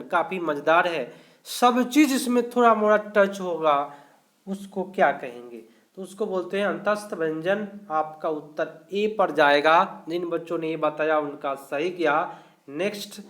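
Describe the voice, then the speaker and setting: Slow high-voiced man teaching a class. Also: a bit bright. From India. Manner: slow, explains each answer step by step. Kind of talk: live online grammar class.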